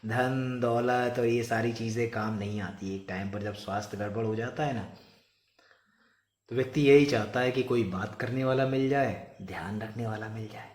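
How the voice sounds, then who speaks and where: A man tells a homely family story in a gentle, repetitive manner. He circles back to his words and ends with advice. His voice sits at a middle pitch in an echoey room. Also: moderate pace. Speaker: vlogger.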